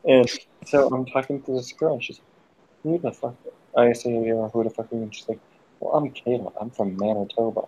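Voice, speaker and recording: A man spins a meandering anecdote over an online voice chat, full of restarts and swearing and quick to snap at anyone who cuts in. His voice sits at an ordinary male pitch. The headset audio is dull and lo-fi, with a faint hiss underneath. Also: fairly even intonation, mellow. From United States. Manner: rambling, profane, often stops to snap at interruptions. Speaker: group voice-chat host telling a story. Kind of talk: casual chat storytelling.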